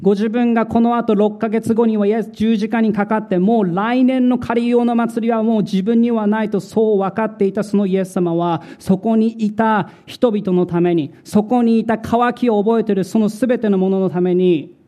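A male pastor preaching a sermon in a slow, dramatic way, repeating words for emphasis. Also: high-pitched, steady tone, mellow.

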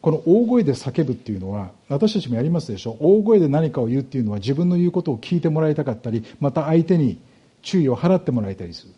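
Male pastor delivering an expository sermon; dark, husky voice, patient teaching manner. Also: fairly high pitch, sing-song, lo-fi sound. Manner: explanatory, measured, with rhetorical questions to the congregation.

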